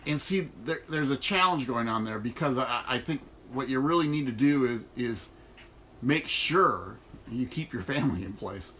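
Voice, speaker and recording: This middle-aged online network marketer speaks casually and with emphasis in a folksy, upbeat vlog shot inside an RV trailer. His mid-range voice is fairly bright, with lively intonation and a moderate pace. The recording is low quality, with noticeable background noise in the trailer.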